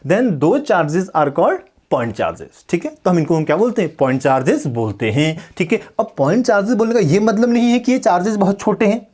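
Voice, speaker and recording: A male physics teacher with a high but darkish voice lectures in a mix of Hindi and English, quizzing and answering himself. He checks in with students over and over, repeating "ठीक है" and "समझ में आया," and slows down sharply whenever he speaks English sentences.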